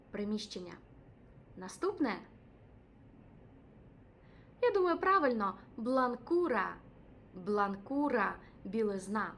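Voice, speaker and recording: A woman teaching a language lesson, addressing viewers directly and repeating each word twice, slowly. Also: a little high. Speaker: Spanish teacher.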